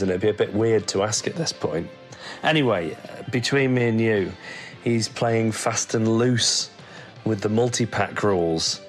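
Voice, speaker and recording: A man reading out a listener's gossip letter in a chatty, rambling way, full of asides. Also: fairly low pitch.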